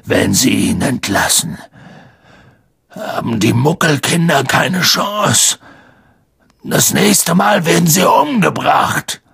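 A man voicing a huge, hot-tempered male gamekeeper with a deep, gravelly voice, talking bluntly in an audiobook. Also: lively intonation, slow, a bit bright, no room sound, studio quality, full character voice. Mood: angry. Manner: booming, blunt outbursts. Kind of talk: audiobook character voice.

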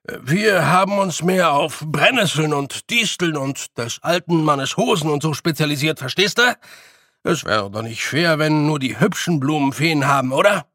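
A man's voice: on the high side, animated, moderate pace, pushed and bright, no room sound, clean studio sound. A man voicing a tiny, brash fairy-folk leader who blusters and improvises excuses. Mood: blustering.

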